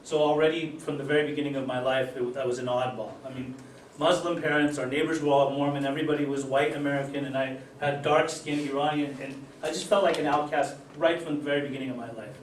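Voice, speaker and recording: A middle-aged man born in Germany and raised in Utah, giving an earnest personal recovery testimony with many fillers and pauses. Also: mid-range voice, fairly even intonation, a little hiss or hum. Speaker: recovery speaker. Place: event hall. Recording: echoey hall, distant mic.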